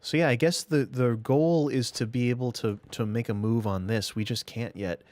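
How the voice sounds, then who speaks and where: A man's voice: mid-range voice, normal speed, a little mellow, no echo. A man streaming a strategy game live, thinking aloud and chatting casually to himself and viewers. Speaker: gaming streamer. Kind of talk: casual live gameplay commentary.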